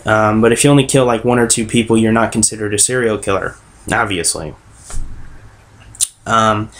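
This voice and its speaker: A young American man speaks at a middle pitch, slightly under the weather with a sore throat. He talks casually to the viewer as host of a web series, often stopping to correct himself. He is indoors at a computer mic. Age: young adult. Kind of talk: casual vlog talk. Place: bedroom, indoors. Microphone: webcam or computer mic at desk distance.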